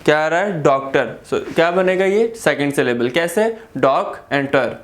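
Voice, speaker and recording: A man with a Pakistani accent teaching a grammar lesson, explaining slowly, repeating words and asking rhetorical questions. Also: a little high, animated.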